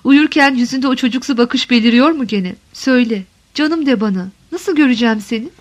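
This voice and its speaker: This audiobook reading of a literary novel features a woman voicing a desperate, middle-aged wife whose high, tender voice spills over with longing. Pleading and insisting with deep feeling, she speaks briskly, in a tone close to everyday speech.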